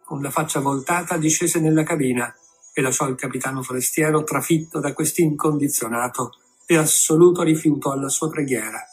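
Male narrator, classic novel reading, slightly high voice, soft music under it. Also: fairly quick. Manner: steady literary reading.

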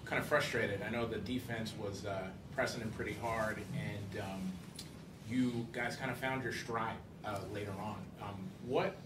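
A male radio reporter asking a hesitant question full of ums and uhs. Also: lowish voice. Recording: echoey room, far from the mic, noisy.

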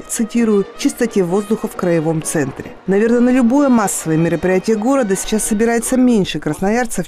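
A woman's voice: mid-range voice, warm tone. A woman reporter reading a scripted news voice-over with a lightly wry commentary.

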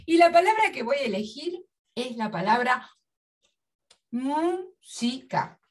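A woman teacher giving a literature lesson, slowly spelling out syllables and repeating her examples. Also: sits high, big pitch swings, distant mic. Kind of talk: classroom lesson.

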